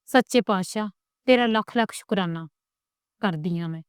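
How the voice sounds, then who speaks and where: A grumbling, doting old grandmother, as a woman reads her lines, scolding and tender by turns. The voice stays smooth and clear and is recorded dry and close. It is a storybook reading with soft muttered asides. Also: medium pitch, normal speed, no room sound, natural voice. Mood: fussing, scolding.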